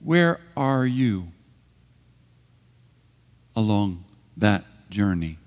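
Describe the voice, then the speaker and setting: A man preaching a sermon in a slow, reflective way, pausing often between phrases. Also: fairly low pitch, sing-song. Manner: slow, reflective, with long pauses. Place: church. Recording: long reverb of a church hall.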